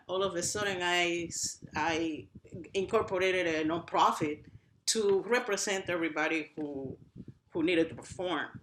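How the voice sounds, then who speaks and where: A Cuban woman whose first language is Spanish speaks with a Cuban accent and a lowish voice on a virtual panel as a nonprofit director. She is animated, restarts phrases, and moves at an uneven pace. The video call audio carries slight background noise.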